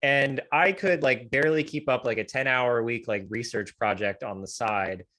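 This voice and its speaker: A man co-hosts a podcast, talking in a rambling, thoughtful way in casual conversation. His voice is of ordinary middle pitch. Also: normal speed, pushed and bright. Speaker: podcast co-host. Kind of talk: casual chat.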